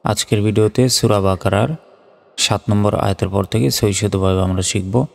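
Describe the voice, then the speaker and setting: A man with a lowish voice and vocal fry, speaking at normal speed in a steady tone, teaches Quran reading by spelling letters and vowels one by one before chanting each whole word. Faint music plays in the reverberant recording of this slow recitation lesson.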